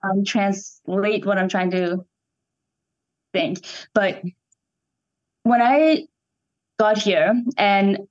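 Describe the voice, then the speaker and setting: An Iranian-born, Canadian-raised young actress speaks in a reflective interview, enthusiastic and thoughtful as she searches for words. Her medium-pitched voice moves very slowly with long pauses, and the sound is lo-fi.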